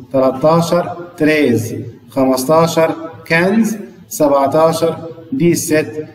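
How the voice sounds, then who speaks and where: Egyptian man teaching, echoey and distant. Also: a little high. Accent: Egyptian Arabic. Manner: counting aloud, pointing and explaining step by step. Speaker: French teacher. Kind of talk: online lesson, working through exercises.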